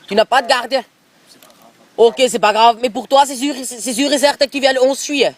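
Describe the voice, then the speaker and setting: Using an extremely high voice at a slightly fast pace, a man poses as a middle-aged football coach with an Alsatian accent in a prank phone call. He is pushy and rambling, repeating filler tags, and the phone is held close to his mouth.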